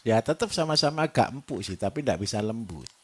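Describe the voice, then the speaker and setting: A livestock trainer with a Javanese accent gives a live workshop lecture to farmers, joking and quizzing them along the way. His medium-pitched voice is expressive and slightly rough, and he speaks a little fast.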